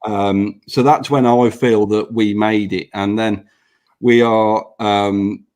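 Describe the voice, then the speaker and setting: A man's voice: fairly low pitch, fairly even intonation, takes it slowly, a little mellow. A man with dental braces slightly affecting his speech, chatting earnestly and swearing freely as he repeats points for emphasis. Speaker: business owner, podcast guest. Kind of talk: casual panel chat.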